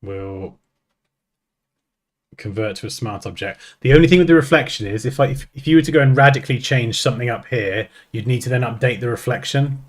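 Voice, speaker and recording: A man teaching design software, thinking aloud in a casual, joking way as he works. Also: mid-range voice, a little fast. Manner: chatty, thinks aloud, jokes at himself. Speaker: design tutor. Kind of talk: casual screen-recorded software tutorial.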